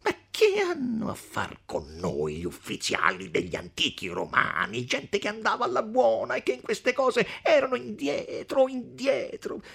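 A man voicing a brash, mocking young nobleman who shouts and scoffs in a read-aloud story. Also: very high voice, huge pitch swings, a little slow, creaky, few pauses, breathy edge, voice pushed up, full character voice. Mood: scoffing. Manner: loud, boisterous, scoffing.

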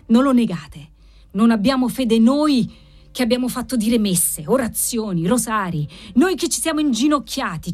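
Woman putting on an old man, furious, shrill, loud ranting, storybook reading.

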